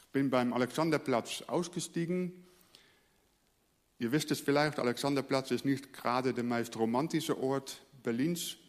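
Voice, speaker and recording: A Dutch pastor, native to the Netherlands, delivers an earnest sermon, his phrases trailing off quietly at the ends. His voice is fairly high-pitched and carries the sound of a large room.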